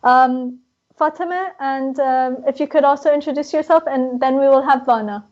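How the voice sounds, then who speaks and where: A woman's voice: sits high, moderate pace. A woman moderating an online panel, introducing guests politely with frequent fillers. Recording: muffled online broadcast audio.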